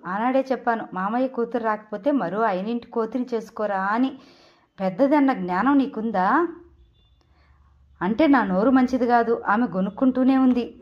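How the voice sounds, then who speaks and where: A woman reads a novel aloud in a fairly high voice, voicing each speaker's dialogue in her own plain tone. She stumbles now and then and corrects herself as she reads. The recording sounds dull and lo-fi. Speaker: audiobook narrator.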